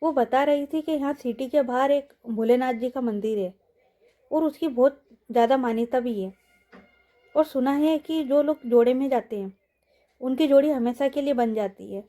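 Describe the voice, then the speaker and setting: A woman's voice: high voice, moderate pace, dark tone, natural voice. A woman voicing a friendly young male coworker who chats casually.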